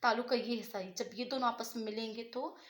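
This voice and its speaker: A woman with a somewhat high voice explains Quran pronunciation step by step. She asks a question, then answers it and repeats the answer. The room rings with echo. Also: steady tone, brisk, a little hiss or hum. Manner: repeats her own questions and answers them. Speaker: Quran recitation teacher. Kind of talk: explanatory tajweed lesson.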